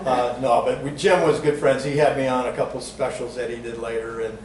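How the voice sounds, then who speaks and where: A man's voice: medium pitch, fairly even intonation, brisk, a little mellow. Older man telling stories in an echoey room. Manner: chatty and jokey, acts out quotes with a raised voice. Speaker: entertainer telling stories at a museum talk. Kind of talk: storytelling to a live audience. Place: museum event room. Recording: echoey room, distant mic, noisy background.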